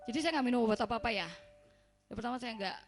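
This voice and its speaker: A woman's voice: fairly high pitch, very fast, faint music behind. Chatty young woman telling a church testimony. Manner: chatty storytelling, acting out quoted dialogue. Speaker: church member giving a testimony. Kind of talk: personal testimony to a congregation.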